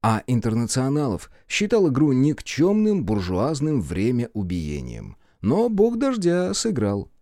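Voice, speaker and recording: A man reads a story aloud in an expressive, lively way. His voice rises and falls with plenty of melody and has a warm, mellow tone. The recording is dry and close-miked. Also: mid-range voice, measured pace, few pauses, no echo. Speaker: audiobook narrator.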